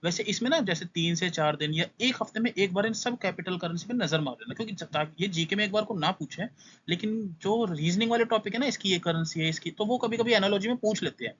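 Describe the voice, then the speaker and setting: Young male tutor, quick casual lesson, bright edge, slightly muffled lo-fi sound. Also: high voice, slight background noise. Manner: brisk, skims through points, repeats "must know". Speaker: exam prep tutor. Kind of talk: casual exam-prep lesson.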